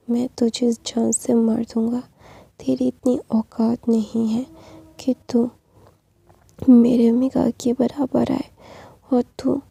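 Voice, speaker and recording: A woman's voice: a little high, vocal fry, warm tone, breathy edge, no room sound, heavily acted. A woman voicing a possessive, devoted young husband in whispered role-play, pleading and threatening in turn. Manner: pleading then menacing.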